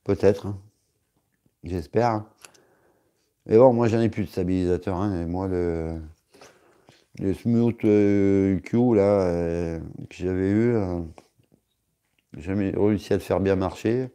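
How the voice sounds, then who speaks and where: A man's voice: deep voice, takes it slowly, pauses often, dark tone, clear, resonant tone. A man chatting casually on a live stream, answering his chat in a rambling, joking way with many hesitations.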